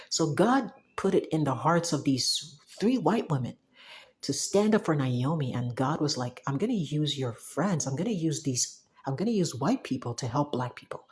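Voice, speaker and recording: Her voice sits low and a little mellow as this young Cameroonian woman, a software developer, chats to the camera. Casual yet emphatic, she restarts often and laughs a lot.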